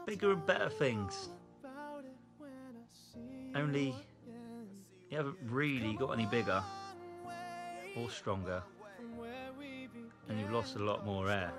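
A man in his thirties gently mocking an old friend in a phone video message. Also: medium pitch. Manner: dry, mocking banter. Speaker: friend sending a wedding message. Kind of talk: teasing selfie video message. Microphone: phone camera. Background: music.

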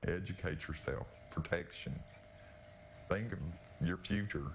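A woman in her sixties is interviewed for a news piece, her voice electronically pitched down into a very deep disguise. She speaks in halting, earnest short sentences. The audio is muffled, with a faint hiss underneath. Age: 60s. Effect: voice electronically altered lower to hide identity. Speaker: anonymous interviewee.

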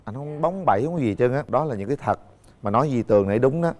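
Jokey fast-talking man. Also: medium pitch, expressive, darkish tone. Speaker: dating show host. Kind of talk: lively banter.

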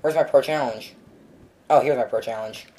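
A man's voice: mid-range voice, normal speed, mellow, slight background noise. A young man narrating a video game as he plays, rambling and making self-mocking jokes. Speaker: gameplay commentator. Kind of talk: let's play commentary.

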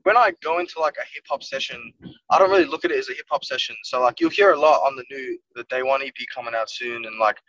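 Speaking from inside a car, a young Welsh music producer rambles through a casual interview chat, peppering it with "like" and "you know what I mean." His mid-range voice is fast with a fairly bright tone. A phone or laptop camera on a video call captures him from a distance, giving dull lo-fi audio.

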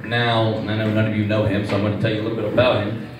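A young adult male comedian at an open mic on a small comedy club stage tells exasperated, profane stories in an animated way, his voice on the low side and racing. The room is echoey and noisy, with faint ambience and a distant mic.

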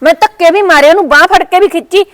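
A woman with a very high voice talks fast in a scripted family sketch. She plays a sulky daughter who complains and threatens to walk out.

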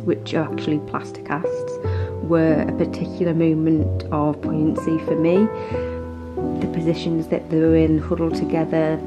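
A woman in her thirties narrating a travel vlog in a chatty, reflective way, filming herself outdoors. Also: low-pitched. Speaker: travel vlogger. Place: outdoors among ruins. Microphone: handheld camera at arm's length.

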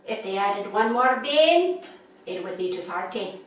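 A woman's voice: mid-range voice, animated, unhurried, pitched below the performer's own voice, close to an everyday voice. A woman telling a riddle in a put-on Irish accent. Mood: joking. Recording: echoey room from far off.

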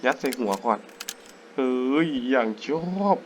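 A young man giving casual, excitable commentary while playing a hunting game, breaking into sudden jumpy exclamations. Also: medium pitch, unhurried, very noisy. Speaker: gaming YouTuber. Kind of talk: casual let's-play commentary.

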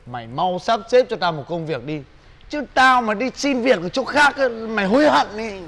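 Brief: man as a loud, bragging young laborer, high voice. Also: expressive, moderate pace. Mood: boastful. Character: boastful broke male laborer, young adult.

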